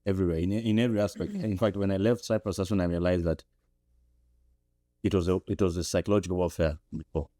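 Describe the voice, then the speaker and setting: A young man from Zambia, guesting on a podcast, reflects thoughtfully in interview talk, restarting often and rising in pitch when animated. He talks fast. The recording is clean studio sound from a studio podcast mic, with no room sound.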